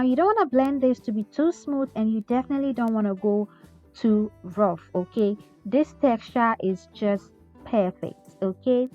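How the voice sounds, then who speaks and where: A chatty woman talks viewers through a recipe in a fairly high voice. She keeps checking in with a friendly "okay?" as she goes. The sound is a bit dull, with faint music underneath. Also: darkish tone. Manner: chatty, often ends with "okay?". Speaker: cooking channel host. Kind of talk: cooking tutorial voice-over.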